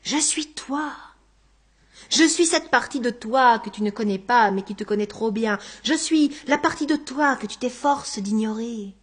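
Woman doing an unhurried, needling man who toys with his listener; audiobook. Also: a little high, husky. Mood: calm. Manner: teasing, unhurried. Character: mocking, calm Dutch man stranger.

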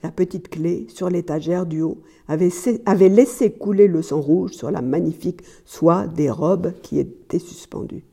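A woman reads a tale aloud with a mellow, warm voice. Her delivery is calm and measured, an unhurried storyteller. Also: on the low side, creaky, husky. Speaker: reader.

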